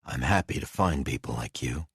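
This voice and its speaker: A man voicing a gruff, reclusive male falconer who speaks bluntly and low in an audiobook. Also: animated, normal speed, a bit bright, no room sound, studio quality, heavily acted. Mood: admiring.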